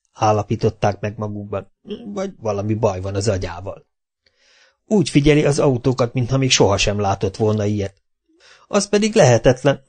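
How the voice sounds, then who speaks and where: A man reading a children's storybook aloud in a lively, expressive narration. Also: mid-range voice. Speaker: audiobook reader.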